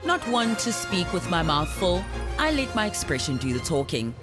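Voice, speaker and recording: Woman, low-ish, very animated news voice-over over a music bed. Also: normal speed. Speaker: reporter.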